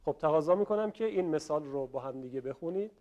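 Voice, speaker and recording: Polite man teaching recitation, slightly high. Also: animated, warm tone, muffled recording. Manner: slow, drawn-out model pronunciations; polite, questions the class. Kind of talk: classroom lesson on letter pronunciation.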